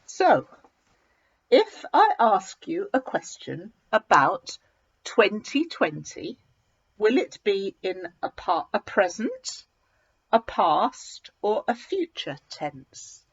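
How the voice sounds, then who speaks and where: A woman teaching English to learners in a slow, simple lesson, patient and reassuring, repeating key words. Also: medium pitch, sing-song, husky. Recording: dull lo-fi recording.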